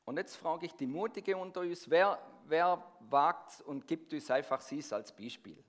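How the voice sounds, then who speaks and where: A middle-aged man from near Stuttgart preaches a sermon in a Swabian accent tinged by Swiss German dialect. His voice is on the high side and a little slow. He engages the congregation by putting questions to them.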